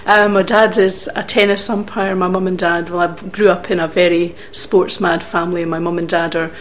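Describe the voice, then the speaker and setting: A middle-aged Scottish woman from Scotland, recalling her life story in an interview with measured, thoughtful pauses. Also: on the low side, flat delivery, slight background noise. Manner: measured, thoughtful recollection with occasional hesitations.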